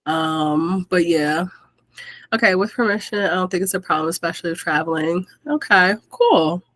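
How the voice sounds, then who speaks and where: Casual woman host on a video call, talkative and relaxed, dry sound. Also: lowish voice, moderate pace, no echo. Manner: chatty, says "like" often, laughs easily. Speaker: host of an officiant meetup.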